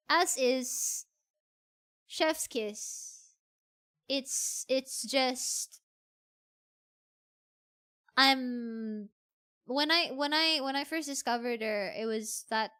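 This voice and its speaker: A woman VTuber with a Filipino accent talks casually to her stream. Her voice sits a little high and has a very bright, forward tone. She tends to repeat short phrases to stress them. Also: smooth. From Philippines. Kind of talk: casual livestream chat.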